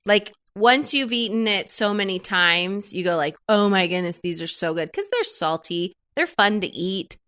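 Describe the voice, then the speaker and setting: Expressive, chatty woman guest. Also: mid-range voice, smooth. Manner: chatty, expressive, quick asides. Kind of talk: casual chat.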